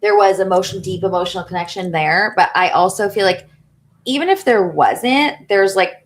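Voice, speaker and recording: A woman in a casual podcast chat, talking in a quick, chatty way that trails off softly. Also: medium pitch.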